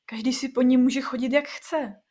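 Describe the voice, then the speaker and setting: A woman's voice: high-pitched, steady tone, dark tone, lightly acted. Woman doing a grandmother, protective, stubborn, firm, plain, storybook.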